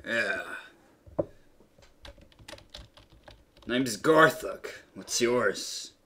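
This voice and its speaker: A rowdy orc tavern-goer, as a game master puts him on for a tabletop game. He is brash, crude and blunt, and his fairly low voice turns loud and gruff. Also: lively intonation, extremely slow, a little hiss or hum, exaggerated voice.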